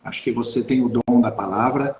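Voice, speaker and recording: A man hosting a live interview, talking warmly and effusively with lots of halting restarts. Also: medium pitch, narrow, tinny audio. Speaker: host. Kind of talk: live video-call interview. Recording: roomy, echoey sound.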